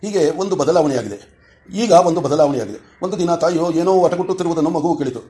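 A man narrating an audiobook in a steady, measured storytelling way. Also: fairly high pitch. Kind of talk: scripted narration.

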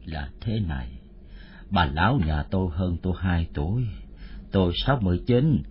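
A man voicing a grieving old widower in his sixties who speaks slowly and weighs every question. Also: low-pitched, lively intonation, slight background noise. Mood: wary, grave. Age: 60s. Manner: slow, measured, gravely questioning. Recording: muffled lo-fi audio.

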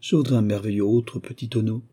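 A man's voice: lowish voice, fairly even intonation, a little fast, dark tone, breathy edge. A man voicing a poor, frightened peasant miller who pleads and begs forgiveness. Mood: pleading. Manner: pleading and tearful.

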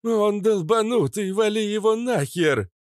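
A fierce female werewolf, pitched well up and blunt-mouthed, as a male audiobook reader puts her on. She swears freely and snaps her orders. The sound is dry and close. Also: lively intonation, measured pace, no room sound. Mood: furious. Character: fierce hot-tempered female werewolf fighter.

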